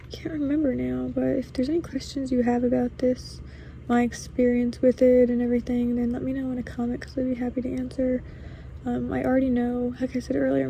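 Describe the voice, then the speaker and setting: Young woman, casual vlog talk, sore jaw, high but mellow voice, noisy bedroom recording. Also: creaky. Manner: talks with a sore jaw, mouth not opening fully. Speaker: vlogger. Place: bedroom at home.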